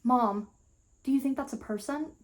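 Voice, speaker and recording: A woman's voice: high-pitched, normal speed, natural voice. A woman reading as a scared teenage girl. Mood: anxious. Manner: pleading, anxious. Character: frightened teenage girl alone outdoors.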